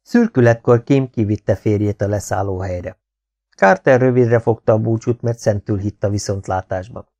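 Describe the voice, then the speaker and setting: Male audiobook reader, lowish gravelly voice, calm steady narration.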